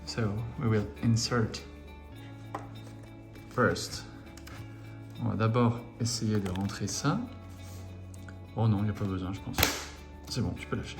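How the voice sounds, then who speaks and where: Over music in an echoey room, a French-accented RC model hobby host with a lowish, fairly even voice speaks a little slowly, leaving long pauses. His bilingual assembly tutorial is easygoing, with jokes at himself and every step repeated in two languages.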